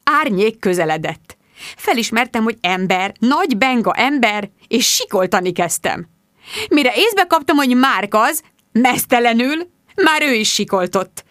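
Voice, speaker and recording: Woman reading a funny audiobook, really expressive pitch, dry close mic. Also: dry recording. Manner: animated, comic storytelling. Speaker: audiobook narrator. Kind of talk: audiobook narration.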